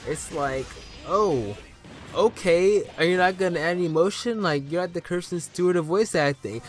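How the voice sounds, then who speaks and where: A young man hosting an anime vlog, talking in an animated, joking, playful way to his viewers. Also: high voice, normal speed. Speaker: anime YouTuber host. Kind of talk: casual vlog commentary.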